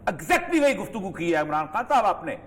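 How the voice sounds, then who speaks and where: A man's voice: high voice, very animated, a little hiss or hum. A man from Pakistan giving emphatic, lecturing political commentary on a TV studio talk show. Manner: emphatic, lecturing, rising forcefully on key points.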